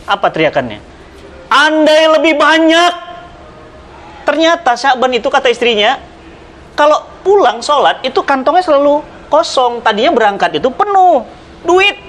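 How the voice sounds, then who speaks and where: A middle-aged man preaching in conversation, telling religious stories with dramatic swings in pitch and loudness and speaking straight to his listener. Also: very animated, a little fast. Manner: addresses listener directly, persuasive. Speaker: Islamic preacher. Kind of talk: animated religious storytelling in conversation.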